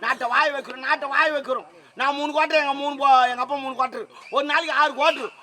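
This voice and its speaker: Male actor as a rowdy teasing son in a folk stage comedy, very high, bright voice. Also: fairly even intonation, quick pace. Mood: boastful. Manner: teasing, boastful banter. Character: cheeky grown son clowning with his mother. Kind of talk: Tamil street-theatre comedy.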